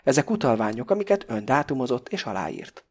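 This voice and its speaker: A man's voice: mid-range voice, big pitch swings. Man voicing a blustering fat Greek gambler. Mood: indignant. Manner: pompous, blustering. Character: fat greedy middle-aged Greek man, sly and indignant. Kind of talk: audiobook character voice.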